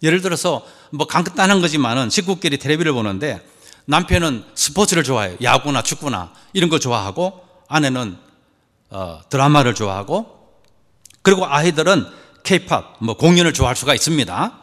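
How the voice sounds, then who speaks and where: A man's voice: on the high side, big pitch swings, fairly quick, a bit bright, big-room sound. A man preaching a sermon as pastor, joking with the congregation and asking them questions.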